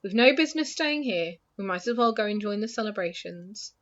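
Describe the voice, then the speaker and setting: A woman voicing a wise old male wizard headmaster who speaks in a calm, measured and gently wry way, in a dull lo-fi recording. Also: medium pitch, natural voice.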